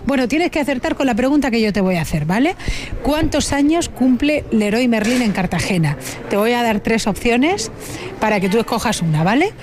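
Woman, radio host, lively live chat, fairly high voice, laughs a lot. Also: fairly quick, noisy background. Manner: lively, chatty, laughs often. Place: inside a large store.

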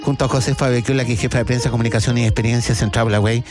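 A man's voice: mid-range voice, fairly even intonation, very fast, music in the background. A Chilean man hosting a radio interview, thinking aloud with hesitant fillers. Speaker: radio host.

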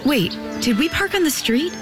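A woman's voice: high-pitched, big pitch swings, moderate pace, over music. A woman playing a flustered homeowner dismayed by storm damage, exclaiming in a comic radio ad. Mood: breezy, then uneasy. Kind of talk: radio ad comedy dialogue.

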